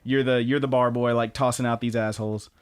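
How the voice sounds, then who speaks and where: A man chatting on a podcast as he recaps anime episodes. He rambles, loose and animated, and jumps into excited voices when he quotes someone. His voice sits at an ordinary middle pitch. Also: brisk, smooth. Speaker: podcast co-host.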